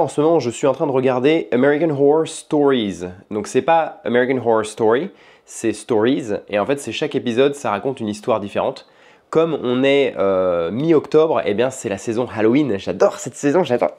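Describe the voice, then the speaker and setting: Relaxed man rambling, mellow voice. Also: medium pitch. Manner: relaxed and rambling, with frequent hesitations. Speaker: language-learning vlogger and podcaster. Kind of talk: casual vlog chat. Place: at home in his apartment.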